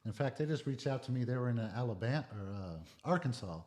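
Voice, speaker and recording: A man's voice: mid-range voice, lively intonation, quick pace, mellow. Laid-back man telling stories. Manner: laid-back storytelling, frequent swearing. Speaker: guest, drinks content creator. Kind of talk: casual podcast chat.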